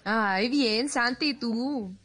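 A woman's voice: a little high, slow, fairly bright tone. A woman with a Colombian Barranquilla accent co-hosting a radio show, cheerful and giggly in casual banter. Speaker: radio co-host. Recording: studio with music bed.

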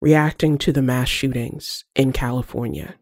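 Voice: mid-range voice, fairly even intonation, normal speed, darkish tone, dry recording, studio quality. A podcast host asking long, reflective questions that build on the guest's points. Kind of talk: interview questions.

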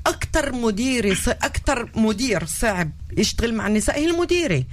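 A woman's voice: a little high, animated, fast, a little hiss or hum. A woman with a Palestinian Arabic accent speaking bluntly as a guest in a live discussion. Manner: blunt, outspoken. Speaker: talk show guest.

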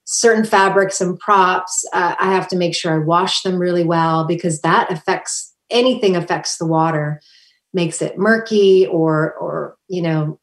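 Soft-spoken woman from Hawaii in a roomy space. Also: fairly low pitch, a little slow. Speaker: guest artist. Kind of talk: conversational interview.

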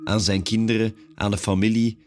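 A man's voice: fairly low pitch, little pitch movement, brisk, lightly acted. A man formally reading out a message of condolence. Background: prominent music.

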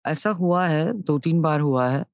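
A woman with an Indian accent answering reflectively in an interview, explaining in short phrases with pauses and repetitions and switching between Hindi and English. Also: deep voice, vocal fry, darkish tone, no echo, studio quality. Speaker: interview guest, stage and screen actor-director.

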